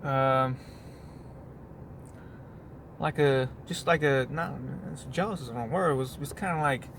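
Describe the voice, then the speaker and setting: A man's voice: medium pitch, unhurried, a bit bright, a little hiss or hum. A man talking casually on his work break, rambling in a loose monologue with many restarts and asides. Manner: meandering, full of restarts and "you know what I mean". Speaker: vlogger.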